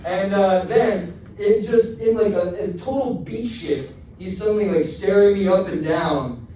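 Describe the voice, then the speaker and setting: A young man telling an animated, self-mocking stand-up story with plenty of swearing, hosting the show. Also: high-pitched, unhurried, slight background noise. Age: young adult. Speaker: comedian and show host. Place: performance hall with a live audience. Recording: echoey room from far off, crowd.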